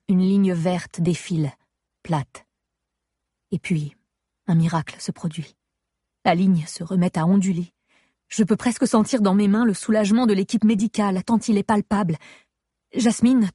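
A woman reading a first-person story aloud in an intimate, measured narration style. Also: on the low side, warm tone, slightly rough, no room sound, studio quality. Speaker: audiobook narrator.

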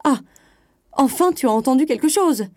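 A woman voicing an excitable wife woken in the night, raising her voice in shrill indignation. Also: moderate pace, breathy edge, no room sound, studio quality. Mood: anxious. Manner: shrill and outraged, exclaiming.

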